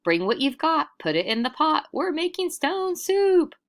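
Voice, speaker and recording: A woman's voice: high-pitched, big pitch swings, measured pace, voice pushed up, full character voice. A woman voicing cheerful, persuasive hungry travelers with sing-song, exclaiming delivery in a storybook. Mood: gleeful, rousing. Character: two hungry, cheerful, persuasive male travelers, showy master cooks.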